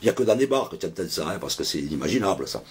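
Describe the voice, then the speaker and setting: A man's voice: deep voice, very animated, racing, heavy background noise. A middle-aged man telling a comic anecdote in a rambling, slangy way, full of fillers. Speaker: storyteller.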